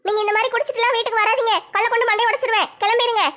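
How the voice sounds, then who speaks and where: A woman doing a shrill, defiant young daughter. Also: steady tone, pushed and bright. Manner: pleading, scolding in quick bursts. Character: young college-age daughter, frightened but defiant.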